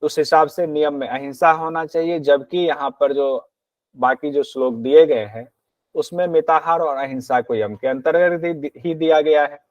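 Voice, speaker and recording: Man, yoga teacher, exam-prep lecture, slow verse recitation, plain explanations, a little high voice, dry small room. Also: dry recording, muffled recording. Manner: slow measured Sanskrit recitation, then explains in plain talk; asks and answers his own questions.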